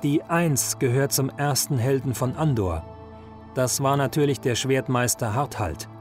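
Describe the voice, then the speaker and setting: Wise high priest of legend, lecturing tone, slightly raised voice; a man voicing him. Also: measured pace, soft background music, natural voice. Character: old male high priest, learned.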